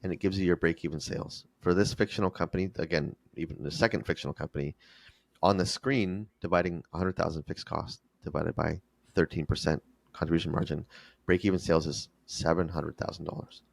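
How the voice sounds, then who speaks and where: A man's voice: low voice, steady tone, brisk, vocal fry, no room sound. A man explaining financial figures step by step, in a didactic interview style. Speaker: finance expert guest, fractional CFO. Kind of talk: explanatory interview talk with numbers.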